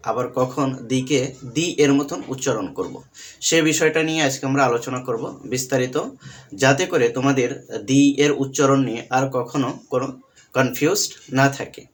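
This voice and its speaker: A man's voice: mid-range voice, moderate pace. A young man teaching an online English grammar lesson, patiently repeating key points and quizzing his students.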